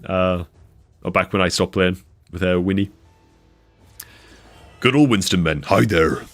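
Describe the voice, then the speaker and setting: A man chatting casually on a live game stream, laid-back and full of "man" and "dude", his voice congested and a bit rough from a cold. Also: sits low, a little slow, faint music behind.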